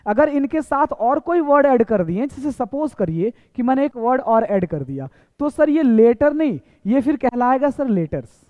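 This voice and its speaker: High-voiced teacher quizzing his class. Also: animated, moderate pace, hardly any pauses. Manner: repetitive, quizzing with rhetorical questions. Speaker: English teacher. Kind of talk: classroom lesson. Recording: echoey hall, tinny phone-like sound.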